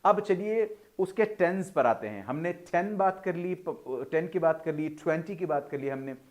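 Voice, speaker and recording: A man teaching English pronunciation in a video lesson, explaining in a formal tone with Urdu-flavoured words and slowly drawing out each example word. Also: on the high side, lively intonation, darkish tone. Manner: slow, drawn-out model pronunciations between explanations.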